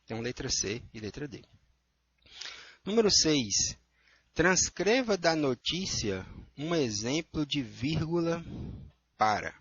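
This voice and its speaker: A Brazilian man teaching a class, his husky voice sitting a little high and moving a lot. He walks through each answer step by step. The sound is dull and lo-fi in a dry space. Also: sing-song, slow, long pauses, fairly bright tone, no echo. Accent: Brazilian Portuguese. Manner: explanatory, checks in with frequent "tá?" and "né?". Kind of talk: going over worksheet answers.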